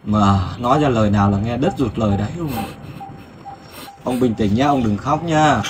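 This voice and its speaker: A male interviewer with a mid-range voice speaks gently and compassionately. He asks questions and makes earnest appeals to viewers. Faint noise sits in the background. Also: medium pitch, normal speed. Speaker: interviewer for a volunteer search team.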